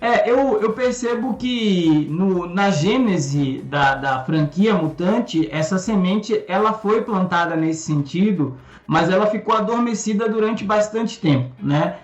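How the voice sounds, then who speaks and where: A man's voice: sits high, unhurried, few pauses, faint music behind. A man from Salvador, a guest explaining comics at length in a thoughtful way with frequent fillers. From Salvador, Brazil. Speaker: guest, comics channel host. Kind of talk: casual explanatory chat. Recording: echoey, muffled room over a call.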